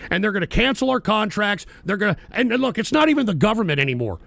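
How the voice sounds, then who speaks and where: A male talk show host rants with swearing and biting sarcasm. His voice sits high and grinds with gravel, and it leaps up and down. The sound is dry and close, with no room around it. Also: sing-song, fast talker, fairly bright tone, dry recording. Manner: angry, profane, sarcastic ranting. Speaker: political commentary host. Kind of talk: profane ranting commentary.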